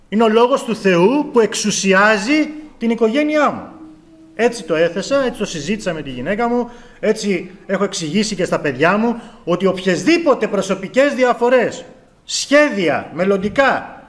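A middle-aged man preaching a sermon with earnest rhetorical questions and rising emphasis. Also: high-pitched.

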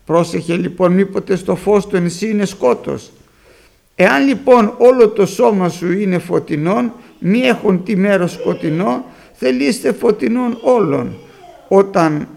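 Man, sermon, high-pitched voice, gravelly edge, emphatic preaching. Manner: emphatic, rising to high loud peaks, addressing the congregation.

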